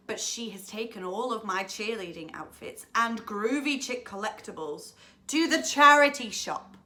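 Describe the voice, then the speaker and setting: A woman's voice: mid-range voice, bright, forceful tone. An actress playing a chatty, self-absorbed young woman who has just left home, talking a theatrical monologue with dramatic swings. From England. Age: young adult. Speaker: actor in a monologue.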